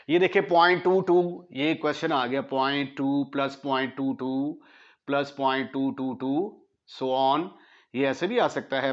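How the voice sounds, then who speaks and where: Pakistani male maths lecturer, slow and deliberate, checks in with "right?", muffled lo-fi sound. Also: mid-range voice. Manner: slow, mixes Hindi-Urdu with English maths terms; asks students rhetorical checks. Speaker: maths teacher. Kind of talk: classroom lecture. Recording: dull lo-fi lecture audio.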